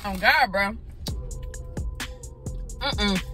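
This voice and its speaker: A woman's voice: mid-range voice, extremely slow, faint music behind. A young woman talking casually in her parked car with her mouth full of food. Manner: loose, profane and excitable. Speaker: food reviewer. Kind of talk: casual vlog chat.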